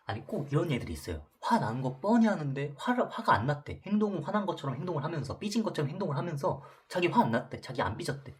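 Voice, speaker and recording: A man retelling a film's story in an animated, colloquial, chatty way. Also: on the high side, fast talker, hardly any pauses, a little hiss or hum. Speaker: film recap storyteller. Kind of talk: casual film retelling.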